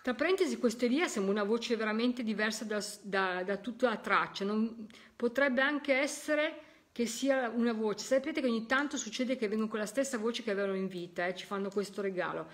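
A woman's voice: a little high, brisk. A woman hosting a live spiritualist session, talking straight to her viewers, coaxing them to listen and exclaiming her delight again and again, physically tired. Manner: effusive, exclaims delight repeatedly; coaxing, addresses listeners directly. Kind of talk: live-stream commentary to viewers.

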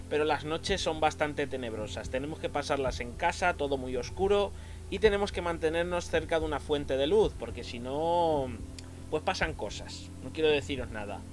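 A man with a Spain Spanish accent doing excitable let's-play commentary, muttering to himself and then swearing and shouting at enemies. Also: fairly high pitch. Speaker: gaming youtuber.

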